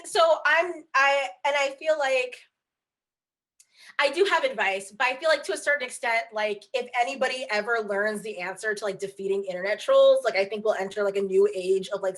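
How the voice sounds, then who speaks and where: A woman's voice: a little high, fairly bright tone. A woman guest author chatting candidly on a video call, leaning on filler words and restarts. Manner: frank, candid. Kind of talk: casual chat on video call.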